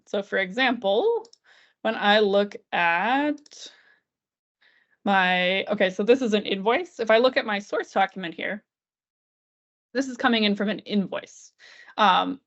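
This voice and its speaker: A mid-pitched woman leads a screen-share software tutorial, explaining each step aloud like a trainer in an informal, conversational way. The lo-fi recording sounds slightly dull and band-limited.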